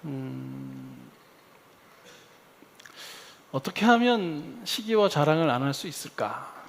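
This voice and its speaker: Male pastor, sermon delivery with acted-out anecdotes, higher-pitched voice, echoing sanctuary sound. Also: slow, gravelly. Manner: storytelling with lively acted-out asides. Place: church sanctuary. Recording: long hall reverb.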